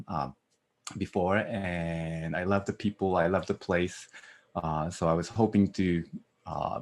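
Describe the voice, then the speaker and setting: A middle-aged Japanese man with a Japanese accent, appearing as a guest lecturer, gives an earnest academic lecture over a video call with many "uh" fillers. His voice is deep and a little mellow.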